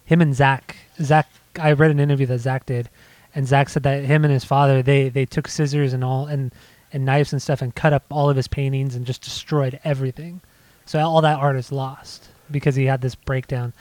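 Breathless male podcast co-host, mid pitch, loose rambling delivery, dry close sound. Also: fairly even intonation, fairly quick, darkish tone, dry recording. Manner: rambling, many restarts and fillers. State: out of breath after a bike ride. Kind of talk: casual music podcast chat. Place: home.

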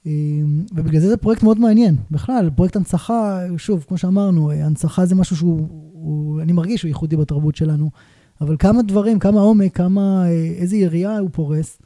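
A man's voice: sits high, steady tone, mellow, dry recording. A man hosting a podcast, reflecting aloud in long, winding sentences as he questions his guest. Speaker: podcast host, entrepreneur. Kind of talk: casual interview conversation.

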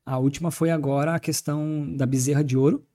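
A man with a Brazilian accent, a podcast guest, telling stories in a fast, animated way in a studio. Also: on the high side. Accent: Brazilian Portuguese. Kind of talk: casual podcast talk on faith.

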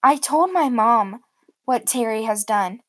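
A woman's voice: a little high, lively intonation, slow, a bit bright, no echo, low-quality recording. Woman storyteller, first-person story, earnest, emotional, dry close sound.

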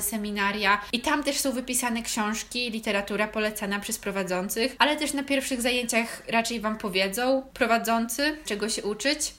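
A woman's voice: a little high, a bit bright. Chatty young woman giving tips. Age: young adult. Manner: chatty, addresses listeners directly. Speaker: medical student. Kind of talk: casual advice chat.

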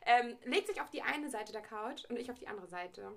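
A woman's voice: a little high, animated, fairly quick, vocal fry, fairly bright tone. A young woman in casual podcast chat, animatedly retelling a date and acting out both sides of the dialogue. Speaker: podcast co-host.

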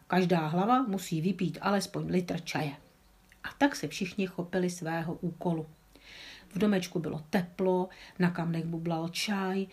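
A woman tells a children's story aloud in a calm, even voice that sits a touch low. She reads steadily and stumbles now and then on a word. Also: husky. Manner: calm, with small slips.

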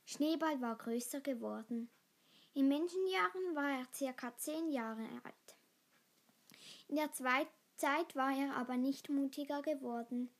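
A woman reading a children's story aloud, halting now and then with small slips. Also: high voice. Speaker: reader.

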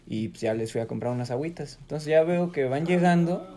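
Brief: young male podcast host, Mexico City Spanish accent, slightly high voice, crude slang-heavy storyteller. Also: a little fast, dark tone. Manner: crude slang-heavy anecdote telling with frequent laughs. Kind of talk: casual storytelling chat.

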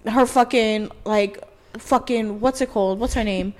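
A young woman in her twenties, chatting on a podcast with a fairly high voice. She tells stories in an animated, profane rush, swearing freely and leaning on "like" again and again. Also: measured pace, rough recording. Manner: profane, animated storytelling with heavy filler "like". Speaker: podcast co-host. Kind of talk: casual storytelling chat.

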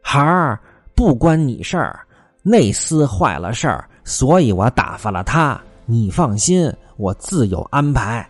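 A man's voice: medium pitch, sing-song, measured pace, dry recording, faint music behind. A male storyteller playing a wealthy middle-aged master who coaxes and brushes off complaints, recorded close and dry. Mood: dismissive. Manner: coaxing, dismissive.

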